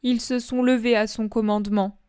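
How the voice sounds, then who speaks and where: A woman voicing the young apostle John, speaking low, hushed and solemn in a dramatic religious reading. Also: flat delivery, normal speed, clean tone, no echo, studio quality, lightly acted. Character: young male apostle John, grave, sorrowful.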